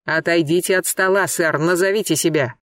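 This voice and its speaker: A man's voice: fairly high pitch, brisk, a bit bright, no room sound, recorded from a distance, natural voice. A man voicing a stern male police detective who barks orders and demands answers. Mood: shouting commands.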